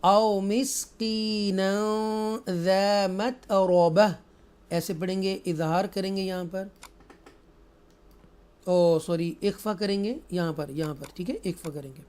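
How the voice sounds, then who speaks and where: A man teaching Quran recitation rules, switching between slow, drawn-out chanted recitation and quick spoken explanations. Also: high-pitched, mellow. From Pakistan. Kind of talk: tajweed lesson, recitation with explanation.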